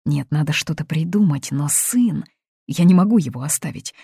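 A woman's voice: low voice, animated, normal speed, gravelly, warm tone, slightly rough, dry recording, studio quality, full character voice. A woman reading aloud, voicing a young man who is torn and irritated, muttering to himself. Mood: brooding. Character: young man, foreign student, torn and angry. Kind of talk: audiobook reading.

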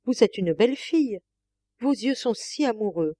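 A woman's voice: a little high, expressive, normal speed, mellow, dry recording. A woman reading an audiobook, voicing a lovelorn, tearful lady of the house who pleads and moans. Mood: pleading. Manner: pleading, moaning, breaking into sobs. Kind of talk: audiobook character voice.

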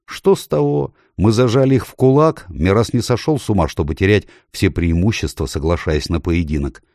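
A man reading an audiobook, voicing a calculating courtier lord who speaks smoothly and persuasively. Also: low voice, normal speed, warm tone, no echo, studio quality. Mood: sly.

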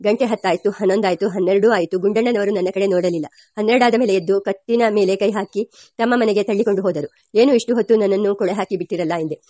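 A woman reading a memoir aloud as an audiobook, steady and unhurried, with small restarts. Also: mid-range voice, no echo, studio quality. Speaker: audiobook reader.

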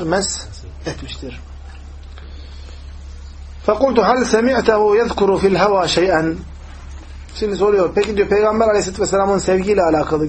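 High-voiced, fast-talking male religious teacher. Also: a little hiss or hum. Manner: lively storytelling, acting out quoted voices. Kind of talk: hadith commentary lesson.

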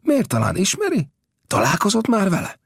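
A man voicing an old, shrewd frontier scout in a storybook reading, speaking in a high, hushed, inquisitive way. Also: wildly swooping pitch, slightly rough, no echo, studio quality, full character voice. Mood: hushed curious.

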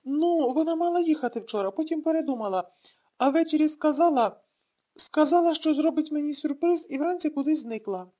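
A woman's voice: high-pitched, lively intonation, a little fast, dark tone, voice pushed up. A woman reading an audiobook, voicing a young father who puts on forced cheerfulness to hide his worry. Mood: forced cheer.

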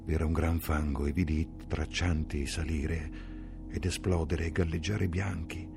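A man reading a novel aloud as an audiobook, in a measured, slow and grave dramatic narration. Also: extremely low pitch, little pitch movement, gravelly, music in the background. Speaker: audiobook reader.

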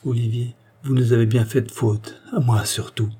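A man's voice: medium pitch, steady tone, normal speed, warm tone, slightly rough, lightly acted. A man reading as an anxious queen. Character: anxious, tender queen, female, adult.

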